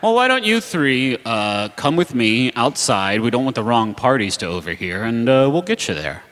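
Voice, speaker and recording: A man voicing a big, burly, sly barfly with a deep voice and a slow drawl in a tabletop game. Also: very animated, a bit bright. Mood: sly, inviting. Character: big burly toddler-faced adult barfly, sly and helpful. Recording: reverberant hall with background noise.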